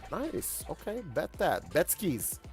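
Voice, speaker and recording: A man streaming a shooter game, commenting casually and shouting when he gets killed. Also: medium pitch, normal speed, soft background music. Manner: excitable, yelling at sudden kills. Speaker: livestreaming gamer.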